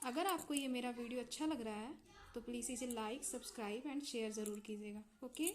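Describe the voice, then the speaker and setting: A woman's voice: on the high side, moderate pace. A woman with an Indian accent teaching English vowel and consonant sounds, patiently repeating examples and checking in with her students. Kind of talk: explaining English phonics in Hindi.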